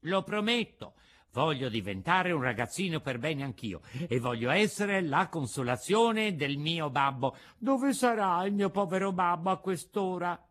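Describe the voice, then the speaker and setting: A man voicing a mischievous, impulsive wooden boy puppet in a storybook reading, in a high, excitable, pleading voice. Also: unhurried. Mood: eager.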